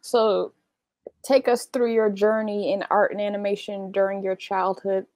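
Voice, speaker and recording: Brief: woman interview host, mid-pitched, brisk questioner. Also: level tone, darkish tone. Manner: brisk questions, short backchannels. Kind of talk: casual interview.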